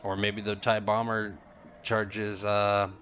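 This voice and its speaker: A man's voice: fairly low pitch, completely flat delivery, slow, a bit bright, slight background noise. A man with a stuffed-up voice from a cold, casually thinking aloud as he comments on his gameplay. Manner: musing, thinking aloud while flying.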